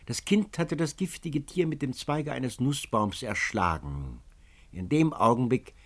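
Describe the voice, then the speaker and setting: A man's voice: mid-range voice, animated, a little slow, a bit bright, pitched above the performer's own voice. A man voicing a lovesick, anguished young man telling of his past with impassioned swells and drops.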